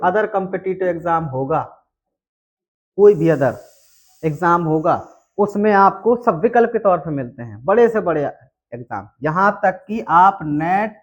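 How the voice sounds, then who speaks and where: A male English teacher giving an exam-prep lecture in Hindi mixed with English terms, asking questions and answering them himself and sounding words out slowly letter by letter. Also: high-pitched.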